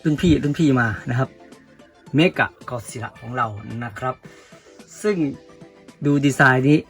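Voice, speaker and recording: Male vlog host reviewing toys, easygoing and chatty, soft music under him. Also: mid-range voice, moderate pace. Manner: relaxed, chatty, polite particles. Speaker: toy reviewer. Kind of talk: casual toy review vlog.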